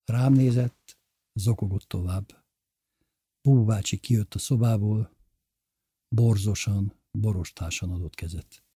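A man reading a story aloud as narrator, in a measured storytelling manner. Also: fairly low pitch, mellow, breathy edge, no room sound, studio quality. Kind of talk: audiobook narration.

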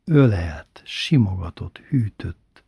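Brief: male storyteller, husky voice, lively, swooping intonation. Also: deep voice, no room sound. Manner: lively, expressive reading with voiced characters. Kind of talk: reading a personal story aloud.

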